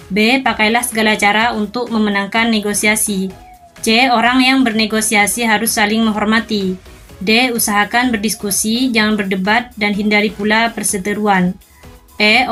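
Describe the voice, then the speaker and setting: Woman, mid-pitched, reads quiz items and answers in order, faint music underneath. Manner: steady, methodical dictation of options and answers. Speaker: teacher reading exam questions. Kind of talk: reading quiz questions and answers aloud.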